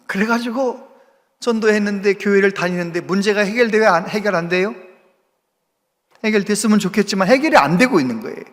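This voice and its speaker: A man's voice: high voice, fairly quick, fairly bright tone. A male pastor preaching a sermon, telling a story with a voice that climbs and drops sharply. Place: large church sanctuary. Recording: church hall reverb.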